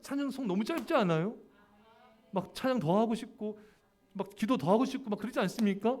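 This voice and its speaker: A man with a high voice preaches to his congregation and keeps throwing them questions. He teases them when they laugh instead of answering with an amen. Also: a little mellow. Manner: jokes with the congregation, calling out for amens. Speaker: pastor. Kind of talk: sermon.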